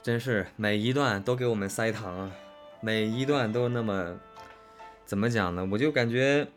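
With soft music in the background, a male voice actor co-hosts a laid-back fan chat about his audio drama. He gushes and rambles, saying things again for emphasis, in a fairly low voice at a moderate pace.

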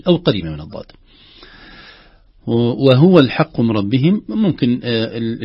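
A man teaches the rules of Quran recitation in a husky voice, patiently sounding out sample words slowly and repeating them. The recording is dry and close, with a slightly dull, muffled tone. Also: lowish voice, no echo. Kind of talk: explaining recitation rules with spoken examples.

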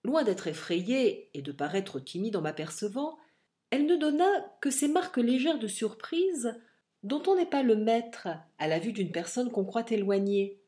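A woman narrating a classic novel as an audiobook reader, in an expressive, literary reading style. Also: fairly high pitch, moderate pace.

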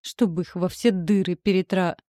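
A rattled, foul-mouthed husband squeals and grumbles in an audiobook, as a woman reader puts him on. He sounds shrill and panicky, a little higher than the reader's own voice. The voice sits close and dry. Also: steady tone, normal speed, mellow, no room sound, close to an everyday voice. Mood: panicked. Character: panicky foul-mouthed husband, a man in his wife's pregnant body.

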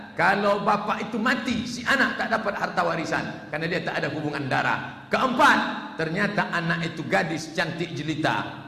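Bright-voiced preacher. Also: male voice, on the high side, creaky. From Riau, Indonesia. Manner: lively, jokes, mimics people, rhythmic repetition. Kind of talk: lively Islamic sermon. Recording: echoey hall with long reverb.

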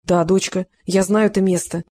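A woman narrator voices a middle-aged police chief who talks to his daughter in a brisk, businesslike way. The tone is plain and close to the reader's own. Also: lowish voice, level tone, warm tone, no room sound, close to an everyday voice. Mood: calm.

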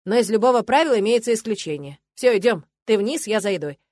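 A woman reading the part of a young male prince who answers in a calm, dry, joking way. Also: medium pitch, fast, no room sound, natural voice. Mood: teasing. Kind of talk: audiobook character reading.

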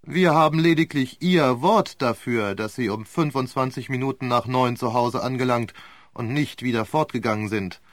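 A man voicing a sharp male prosecutor who cross-examines with cutting sarcasm, in a dry, close reading of a courtroom story. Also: medium pitch, moderate pace, no echo, close to an everyday voice.

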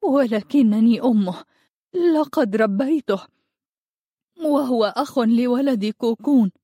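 Woman voicing an old village foster mother, slow pleading delivery, raised higher voice, dry close sound, storybook reading. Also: mellow, slightly rough, no room sound. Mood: protesting.

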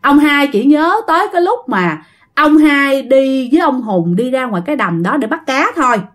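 Southern vietnamese woman telling a ghost story, high voice, chatty, talks to the listeners. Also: very animated, normal speed, a bit bright. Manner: addresses listeners directly, chatty. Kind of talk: casual ghost story narration.

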